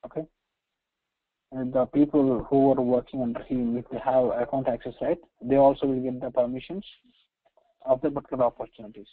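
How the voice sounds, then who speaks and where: A man with an Indian accent teaching software step by step in a halting, repetitive way, often checking with short tag questions. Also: medium pitch, little pitch movement, slight background noise. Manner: halting, repetitive, frequently checking with "right" and "okay". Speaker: software trainer. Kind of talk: screen-share software tutorial, explaining step by step. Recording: roomy echo, slightly dull lo-fi sound.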